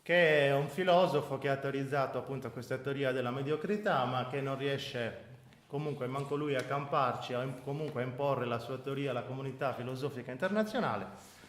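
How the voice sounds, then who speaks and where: A man's voice: medium pitch, fairly quick. A man in his forties from Sardinia, answering as a guest in a radio interview in an emphatic way, often repeating his points for weight. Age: 40s. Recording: roomy echo.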